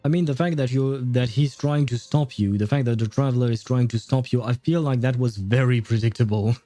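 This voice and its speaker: A male gaming streamer with a mellow, mid-pitched voice. He comments casually on his playthrough, often hesitating as he thinks aloud. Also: a little fast, faint music behind.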